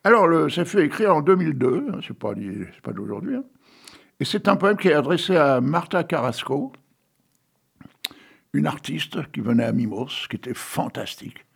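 A man's voice: on the high side, big pitch swings, normal speed, vocal fry, slightly rough. A man in his eighties hosting a radio show, chatting in a teasing, rambling way and reading poems aloud. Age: 80s. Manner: chatty and teasing, full of "hein" and "bon" fillers. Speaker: radio host. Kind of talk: casual radio chat with poetry readings.

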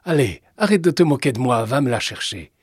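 A man's voice: mid-range voice, expressive, fairly quick, breathy edge, no room sound, studio quality, voice pushed up. A man voicing a kindly, teasing old grandfather with a bad back. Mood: amused. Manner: playful, amused.

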